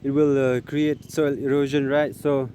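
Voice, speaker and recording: A man's voice: mid-range voice, little pitch movement, unhurried, mellow, a little hiss or hum. A man with a Northeast Indian accent talking casually outdoors for a running vlog, hesitant and often repeating his phrases. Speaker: vlogger. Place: outdoors on an open grass field.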